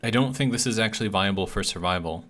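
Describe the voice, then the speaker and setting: A gaming video series host talks quickly in a low-leaning, slightly bright voice, musing hesitantly over the gameplay in a casual way. His articulation is a little clumsy because his bitten tongue is still healing.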